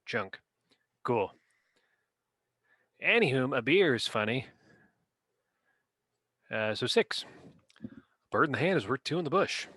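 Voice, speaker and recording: A man's voice: mid-range voice, sing-song, slow pace, pauses often, bright, forceful tone, no room sound, studio quality. A man co-hosting a podcast, rating dictionary words in casual chat and reading definitions aloud in a playful, rambling way. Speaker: podcast co-host.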